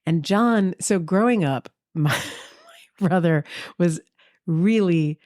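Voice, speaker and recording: A woman's voice: on the low side, slow pace, a little mellow, no echo, studio quality. A woman co-hosting a podcast in casual conversation, chatty and given to telling anecdotes. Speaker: podcast co-host.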